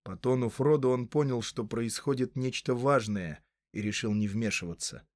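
Calm male audiobook narrator. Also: mid-range voice, normal speed, dry recording.

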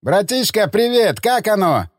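A man voices a cheerful, quick-witted friend in an audiobook, his voice lifted well above normal and bouncing with friendly quips. The recording is dry and close. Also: sits high, sing-song, dry recording, voice pushed up, exaggerated voice. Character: cheerful, jokey man grilling meat.

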